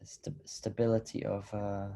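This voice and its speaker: A man from the Scottish Highlands giving an academic talk over a video call, thoughtful and hesitant, with many fillers and restarts. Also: completely flat delivery, unhurried, dark tone, slight background noise. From Highlands of Scotland. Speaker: lecturer. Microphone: video call computer mic.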